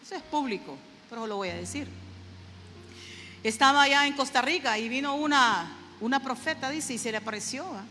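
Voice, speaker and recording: A woman's voice: high voice, expressive, a little fast, bright, forceful tone, big-room sound, a little hiss or hum. A middle-aged woman preaching a sermon, emphatic and repetitive, often asking the congregation "¿sabe?". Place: church sanctuary.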